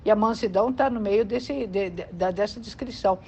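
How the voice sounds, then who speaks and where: This sermon comes from a Brazilian woman with a dark, medium-pitched voice who talks fairly quickly and keeps asking listeners to agree with her. The accent is Brazilian Portuguese, and the lo-fi recording sounds dull, with faint noise in the background.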